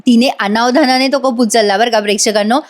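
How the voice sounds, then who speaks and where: A woman's voice: fairly high pitch, steady tone, brisk. A woman narrating a voice-over recap of a TV episode, chatting directly to her viewers. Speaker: serial reviewer.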